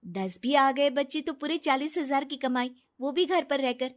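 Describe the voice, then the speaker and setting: A woman voicing a trusting, kind-hearted young wife who speaks earnestly and gently. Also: high voice, steady tone, moderate pace, lightly acted.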